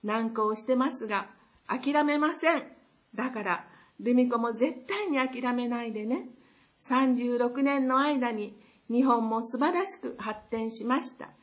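A woman's voice: a little high, measured pace. An older woman tenderly and imploringly reading out a personal message to a missing sister.

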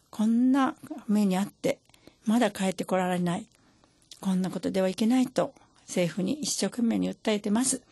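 Older woman, mother's recorded message; gentle, halting delivery, mellow tone. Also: medium pitch, breathy edge, no room sound. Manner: gentle, halting, many pauses and fillers.

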